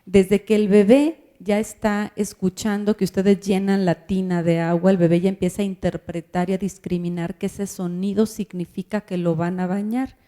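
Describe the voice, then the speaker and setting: A woman lectures to parents in a warm, mellow voice of middling pitch. She explains patiently and keeps turning to her listeners with questions. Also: little pitch movement, moderate pace, hardly any pauses. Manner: explanatory, asks the audience questions. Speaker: speaker on child language development.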